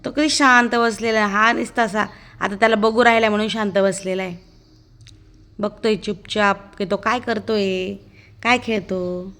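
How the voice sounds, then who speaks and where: A woman's voice: mid-range voice, steady tone, moderate pace, fairly bright tone. A woman giving a chatty, amused running commentary as a casual vlog voice-over, narrating as the child's aunt.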